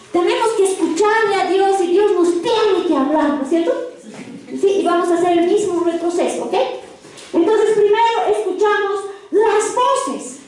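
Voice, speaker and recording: A woman preaching to a congregation in an interactive sermon, often stopping to check in with her listeners through short questions. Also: extremely high pitch. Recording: very echoey hall, mic far off.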